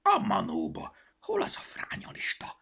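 A man's voice: deep voice, huge pitch swings, gravelly, bright, forceful tone, breathy edge, full character voice. A man voicing a fussy, busy little male elf who chatters and grumbles to himself. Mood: fretful.

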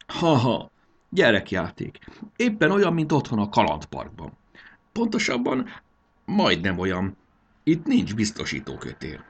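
A man's voice: on the low side, huge pitch swings, husky, exaggerated voice. A man voicing a young boy who boasts and acts brave while he is afraid of heights. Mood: nervous bravado. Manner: boastful, then nervous and bracing himself. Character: adventurous young boy, proud but scared of heights.

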